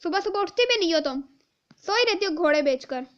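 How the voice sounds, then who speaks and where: A woman's voice: very high voice, lively intonation, brisk, dull audio. A woman doing a whiny spoiled stepsister. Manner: whiny, tattling.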